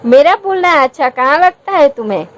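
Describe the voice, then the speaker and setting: A woman's voice: high voice, expressive, a little fast. A woman voicing a young husband who teases his wife affectionately in a storybook reading. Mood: teasing. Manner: playful, teasing.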